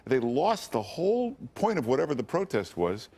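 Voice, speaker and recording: A man's voice: medium pitch, sing-song, normal speed, vocal fry, warm tone. A man who hosts a radio talk show, appearing as a panel guest and giving blunt, joking opinions. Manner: blunt and wisecracking. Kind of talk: commentary on a news panel.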